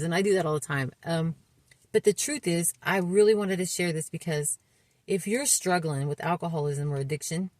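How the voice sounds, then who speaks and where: A woman in her fifties who makes recovery vlogs speaks openly about her life, her low, grounded voice carrying a slightly mellow quality. She talks earnestly but haltingly, often starting sentences over. The sound is close and dry, with no echo.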